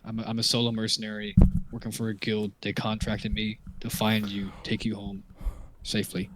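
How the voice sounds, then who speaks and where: A man's voice: on the low side, monotone, moderate pace, background noise. A man playing a tabletop game, talking casually and swearing freely. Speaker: player.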